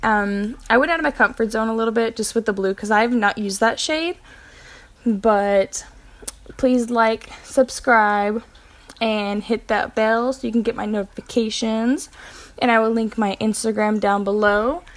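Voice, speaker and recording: A woman's voice: a little high, measured pace. A young woman narrating a makeup tutorial in a casual, chatty way, with filler words and self-corrections, while she has the hiccups. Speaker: beauty vlogger.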